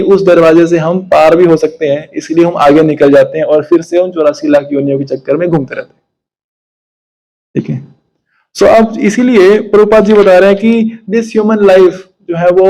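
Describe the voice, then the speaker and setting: A man's voice: sits high, dark tone, low-quality recording. A man giving a spiritual discourse on scripture, explaining by asking questions and retelling stories, with frequent tag questions and English phrases. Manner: mixes English phrases into Hindi. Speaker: spiritual teacher.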